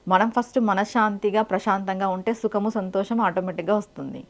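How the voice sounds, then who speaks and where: A woman's voice: medium pitch, fairly even intonation, a little fast. A woman giving devotional advice in a direct, instructive way, often asking rhetorical questions. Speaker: spiritual speaker.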